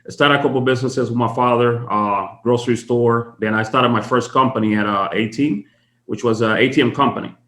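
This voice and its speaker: Fast-talking man from the Dominican Republic. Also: medium pitch, steady tone, a bit bright, reverberant. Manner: fast, chatty storytelling with many fillers. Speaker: guest, tax strategist. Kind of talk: casual podcast interview. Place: home office.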